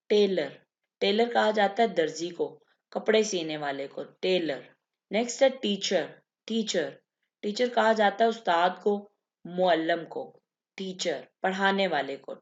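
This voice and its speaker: Woman teaching English words slowly. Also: medium pitch, dull audio. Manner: repeats each word, then explains it slowly. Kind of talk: vocabulary lesson.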